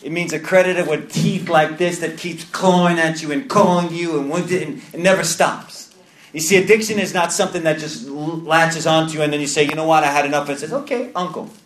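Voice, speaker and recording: A recovery meeting speaker in his thirties, with a New York accent, gives earnest personal testimony, frequently repeating and restarting his phrases. He talks fairly quickly in a slightly high, steady voice, and the meeting room sounds roomy.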